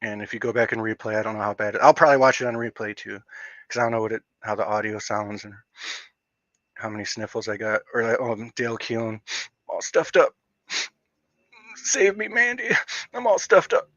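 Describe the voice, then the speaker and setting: A man hosting a casual livestream, rambling and excitable, with lots of filler words. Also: on the low side, fast talker, no echo. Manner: rambling, excitable, heavy use of "like". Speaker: livestream host. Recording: dull lo-fi dry stream audio.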